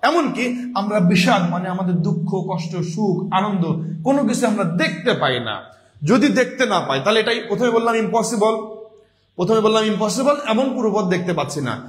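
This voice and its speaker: A man's voice: high voice, animated, a little fast. A man giving an online exam-prep lesson, explaining step by step and repeating the key answers. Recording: echoey room with long reverb.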